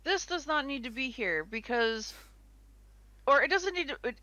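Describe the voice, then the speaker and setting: A woman's voice: high voice, expressive, moderate pace, sharp tone, dry recording, low-quality recording. A young woman co-hosting a casual podcast chat, chatty and giggly, rambling with restarts. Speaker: co-host.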